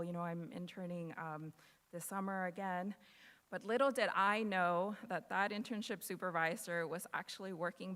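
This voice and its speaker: As a guest speaker, a young woman in her twenties from the United States with Spanish as her first language delivers a casual, earnest motivational speech to students. Her voice sits on the low side with a fairly bright tone, and she uses fillers and laughs amid long hall reverb.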